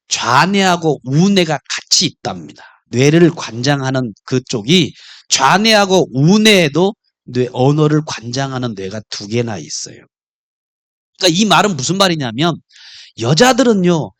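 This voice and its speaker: Pastor guy preaching, high voice jumping all over, dry close sound. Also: dry recording. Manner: animated storytelling sermon, acting out couples' quarrels. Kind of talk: sermon.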